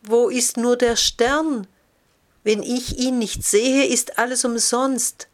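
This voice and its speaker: A woman voicing a wise, gentle female snail in a storybook reading, speaking in an encouraging, thoughtful way. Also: mid-range voice, expressive, takes it slowly. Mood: desperate.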